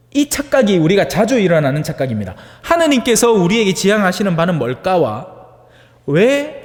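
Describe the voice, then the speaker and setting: Lively priest preaching in a hall. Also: male voice, high voice. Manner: conversational, asks the audience for agreement; acts out voices in dialect-tinged asides. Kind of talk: homily on the Gospel.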